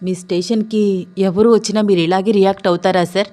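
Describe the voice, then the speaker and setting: A woman's voice: mid-range voice, fairly even intonation, brisk, mellow, lightly acted. A woman voicing a bold young male police officer who speaks firmly and seriously. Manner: firm, serious, fearless.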